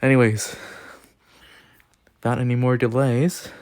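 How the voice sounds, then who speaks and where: A man's voice: mid-range voice, little pitch movement, measured pace, heavy background noise. A man hosting a reaction video, chatting casually and laughing often between comments. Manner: chuckles often, loose and joking. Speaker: host of a railfan video reaction channel.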